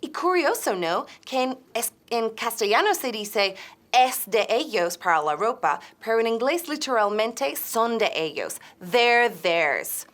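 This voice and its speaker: A woman teaching English with a short acted scene. Her voice is fairly high, and she speaks very slowly with a lot of movement in her pitch. She is fussy about mistakes and has the learners repeat phrases aloud after her. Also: lively intonation, fairly bright tone. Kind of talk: acted classroom sketch with drills.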